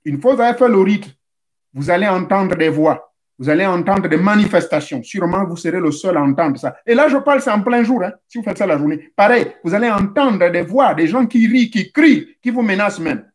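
High-voiced man teaching a spiritual rite. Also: expressive, a little fast. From Central Africa. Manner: didactic, addresses listeners directly, repeats steps. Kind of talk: instructional talk.

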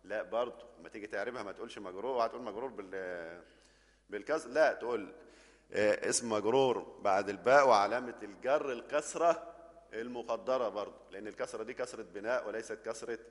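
A man's voice: lowish voice, fast talker, in a large hall. A man with an Egyptian accent teaching an Arabic grammar lesson, explaining step by step and often checking that the class follows.

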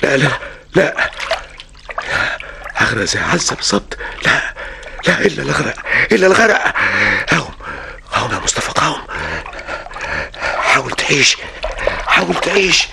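A man's voice: a little high, very animated, normal speed, creaky, pauses often, heavy background noise, heavily acted. An actor with an Egyptian Arabic accent playing a desperate man drowning and crying out for the woman he lost, in a radio play. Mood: despairing. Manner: frantic, anguished, pleading.

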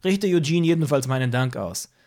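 A man's voice: medium pitch, animated, normal speed, a little mellow, natural voice. A man voicing a pushy, self-assured male music-business boss in an audiobook. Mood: scheming. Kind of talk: audiobook character voice.

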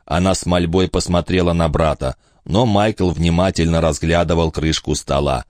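A man narrating an audiobook in a calm, measured storytelling manner. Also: low-pitched, no room sound, studio quality. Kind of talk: scripted narration.

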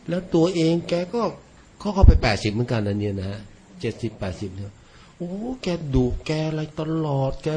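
A man's voice: medium pitch, mellow, a little hiss or hum. A man in the audience politely recounting something he witnessed, with frequent exclamations of disbelief. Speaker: layperson sharing a story.

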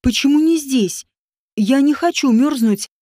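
A woman's voice: sits high, expressive, a little slow, warm tone, no echo, studio quality. A woman voicing a haughty spoiled young princess. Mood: whining. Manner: haughty, demanding.

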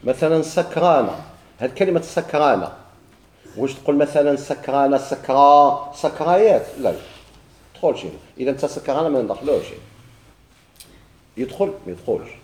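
Fast-talking Moroccan man teaching grammar. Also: medium pitch, expressive, darkish tone, roomy sound. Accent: Moroccan Arabic. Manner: questions himself and answers, repeating examples. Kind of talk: classroom grammar lesson.

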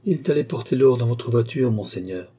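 A man voicing a suave, mysterious count who speaks with smooth, polite assurance in an audiobook. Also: mid-range voice, lively intonation, fairly quick, warm tone. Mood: assured.

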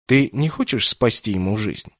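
A man's voice: on the low side, lively intonation, moderate pace, a bit bright, no echo, studio quality. A man voicing a haughty, manipulative male mage in an audiobook, speaking imperiously and coldly. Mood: scheming. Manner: imperious, coaxing, then clipped and cold. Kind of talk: audiobook character reading.

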